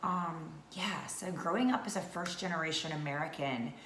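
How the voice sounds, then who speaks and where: Low-voiced chatty woman vlogger. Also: moderate pace, a bit bright. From North Georgia, US. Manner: chatty, many fillers. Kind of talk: casual talk to camera. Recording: echoey room with faint noise.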